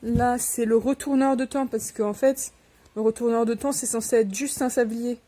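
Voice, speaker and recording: A woman's voice: on the high side, fairly even intonation, normal speed, mellow. A young woman, a little under the weather, chatting casually and rambling as she unboxes books for her vlog, with self-deprecating asides. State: a little sick. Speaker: book unboxing vlogger. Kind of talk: casual chat.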